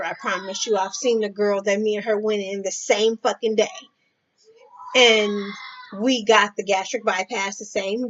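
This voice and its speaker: Woman vlogging, blunt and cussing a lot, kinda high voice, dull lo-fi sound. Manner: blunt, profane, emphatic. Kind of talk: casual straight-talking vlog advice.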